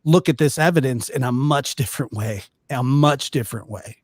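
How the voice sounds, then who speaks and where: A man giving conversational panel commentary in a halting way, often mimicking what others say. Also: medium pitch, darkish tone, dry recording.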